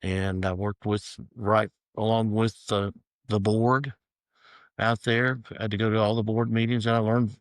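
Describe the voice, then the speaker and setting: A middle-aged man, a real estate agent, telling stories in a relaxed interview with dry humor. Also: on the low side, unhurried, clean tone, dry recording. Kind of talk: casual interview storytelling.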